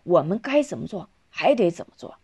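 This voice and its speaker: A woman's voice: lowish voice, a little fast, husky, heavily acted. A woman reading the lines of an earnest, principled older man in a spoken storybook. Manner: earnest, steady reasoning.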